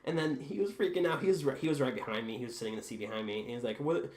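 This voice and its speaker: A man's voice: medium pitch, rapid-fire, a little mellow. A teenage boy hosting a podcast, telling rambling, profane stories in a casual chat and laughing at his own jokes. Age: teens. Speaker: podcast host. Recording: echoey room with faint background hum.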